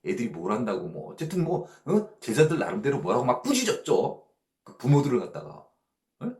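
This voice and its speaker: A male pastor teaching a Bible study, his pitch rising and falling with animation. He reads verses slowly in English and keeps asking rhetorical questions. The sound carries a roomy echo. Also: wildly swooping pitch, a little mellow. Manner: reads verses in slow English, asks rhetorical check-ins.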